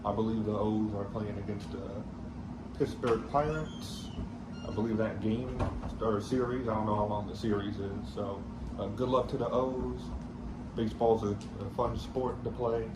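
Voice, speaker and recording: A man's voice: fairly low pitch, fairly even intonation, moderate pace. A man in a casual sports chat, giving loose, rambling, noncommittal commentary. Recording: roomy echo with clear background noise.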